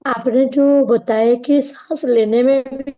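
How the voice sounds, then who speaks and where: A woman's voice: sits high, fairly even intonation, takes it slowly, dark tone, no echo. Woman on a choppy, cutting-out call line. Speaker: student asking a question. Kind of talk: question in an online class. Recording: breaking-up online call line.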